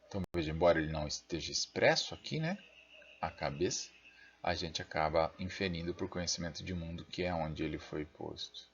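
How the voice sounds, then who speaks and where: A Brazilian man with a Brazilian Portuguese accent delivers a recorded linguistics lecture, thinking aloud, checking in with frequent tag questions and making self-deprecating remarks while working the mouse. His deep voice is animated and a little fast, and the recording sounds muffled.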